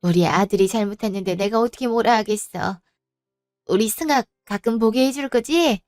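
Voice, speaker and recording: A woman voicing an older mother-in-law who apologizes humbly and gently for her son. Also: medium pitch, moderate pace, no echo, studio quality, soft background music, close to an everyday voice. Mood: apologetic. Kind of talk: storybook voice acting.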